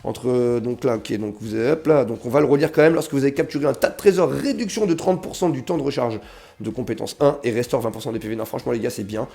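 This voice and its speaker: Calling his viewers "les gars", a young mobile game video maker with a slight cold gives relaxed, slangy commentary and frequently reads the game's text aloud. He speaks fast in a gravelly yet mellow mid-range voice.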